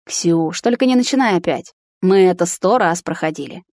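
A woman's voice: lively intonation, moderate pace, a little mellow, no room sound, clean studio sound. A woman voicing a placating young man caught between two girls in an audiobook. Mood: exasperated. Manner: low-key, placating. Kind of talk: audiobook character voice.

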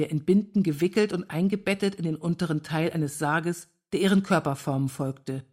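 Calm woman narrating a story. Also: fairly low pitch. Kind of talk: scripted narration of a novel.

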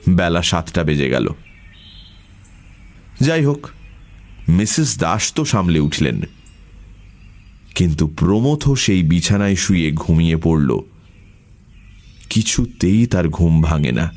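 A man narrating an audiobook story in a measured storytelling manner. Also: sits low, a little mellow. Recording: music bed under voice.

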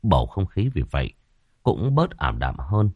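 Brief: deep male storyteller, dramatic lilt, dry close sound. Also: big pitch swings, moderate pace, no room sound, phone-quality sound. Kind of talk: scripted ghost story narration.

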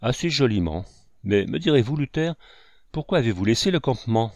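A man voicing a gruff older frontier sergeant who gives brisk, scolding orders to his son in a storybook reading. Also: medium pitch, lively intonation, darkish tone, dry recording, muffled recording.

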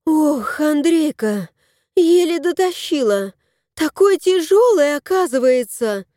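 Woman voicing a cheerful young wife, affectionate, exclaiming, very high, lively pitch, audiobook. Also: slow pace, dry recording, studio quality. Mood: gushing. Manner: gushing, exclamatory.

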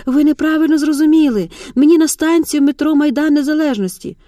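A woman's voice: sits high, a little fast, mellow, dry recording, studio quality, voice pushed up, close to an everyday voice. A woman voicing an anxious young female office worker who pleads in a flustered way. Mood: frightened.

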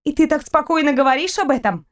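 A woman's voice: sits high, quick pace, voice pushed up, lightly acted. A woman voicing an angry young woman held captive, speaking indignantly and sharply in an audiobook.

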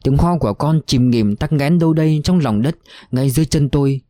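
A man narrating a war novel in a somber, steady reading voice. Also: a little high, brisk, no echo. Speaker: audiobook narrator.

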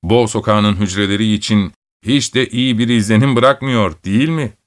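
A man voicing a jovial, excitable male police inspector who exclaims in surprise. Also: fairly low pitch, moderate pace, natural voice.

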